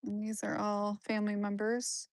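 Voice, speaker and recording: A woman's voice: mid-range voice, monotone, normal speed, no echo. A woman live-streaming on a phone while walking through an outdoor cemetery, chatting casually and answering viewers' comments. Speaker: genealogy vlogger.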